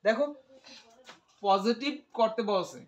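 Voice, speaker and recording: A man's voice: sits high, slow pace. A man tutoring English grammar, asking questions and repeating the student's answers, explaining step by step. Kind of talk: English grammar lesson with call-and-response.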